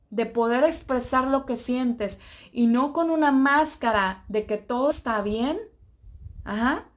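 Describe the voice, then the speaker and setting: A woman giving an informal devotional talk to a youth group, lively and playful, acting out little voices as she goes. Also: on the high side.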